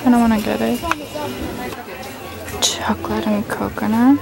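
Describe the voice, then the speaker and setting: A young woman vlogging casually while she shops and walks through a city, excitedly gushing over what she finds, recorded on a handheld camera. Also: a little high, unhurried, creaky, a crowd in the background, rough recording. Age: young adult. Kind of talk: casual vlog narration. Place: shops and streets of a city, indoors and out. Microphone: handheld camera mic.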